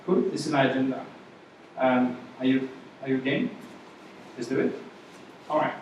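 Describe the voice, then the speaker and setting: A workshop instructor with a French accent gives a casual, chatty class presentation, often checking in with his live audience. His medium-pitched voice is flat, a little mellow and moderately paced, heard from a far-off mic in an echoey room, with the highs cut off and a little hiss or hum.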